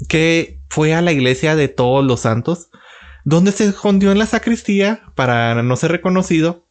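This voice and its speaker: Man retelling a story with frequent pauses. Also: fairly high pitch. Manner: unhurried, pausing often with filler sounds. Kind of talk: unscripted religious storytelling.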